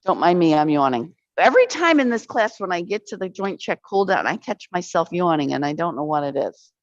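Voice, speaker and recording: A woman's voice: fairly low pitch, lively intonation, a little fast, dry recording, highs cut off. A woman instructor leading an arthritis exercise class, counting reps aloud and encouraging the group.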